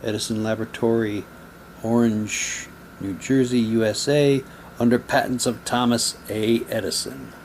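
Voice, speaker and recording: A man unboxes audio drama sets as a hobby vlogger, rambling and repeating himself while reading printed items aloud. His mid-range voice has a darkish tone and fairly even intonation, he speaks a little slowly, and there's slight background noise.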